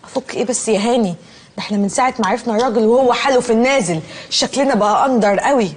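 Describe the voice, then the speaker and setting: An actress with an Egyptian accent playing a sharp-tongued, mocking niece in a film comedy. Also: female voice, on the high side, rapid-fire, slight background noise, natural voice. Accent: Egyptian Arabic.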